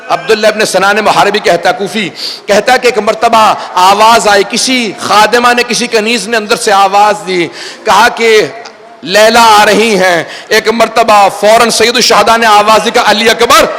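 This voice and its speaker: A man's voice: high-pitched, bright, forceful tone. A male cleric delivering an impassioned elegy sermon to a mourning gathering, in a dramatic, pleading recitation that swells into cries. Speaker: Shia cleric reciting a majlis. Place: mourning gathering hall with audience. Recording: live crowd audible behind voice.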